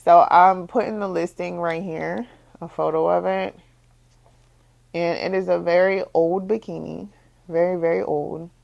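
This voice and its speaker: A young woman who runs her own bikini business, telling her story in a casual vlog, repeating herself and rising higher as her frustration builds. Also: steady tone, unhurried, gravelly, a little mellow, lo-fi sound. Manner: exasperated, repetitive, rises in pitch when frustrated. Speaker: small business owner, bikini designer.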